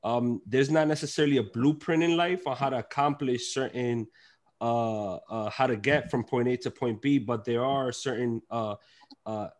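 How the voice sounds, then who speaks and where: A man runs a panel over a video call, speaking into a headset. He talks loosely, stopping and restarting with plenty of fillers. His voice sits at an ordinary middle pitch. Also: normal speed. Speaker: host and moderator.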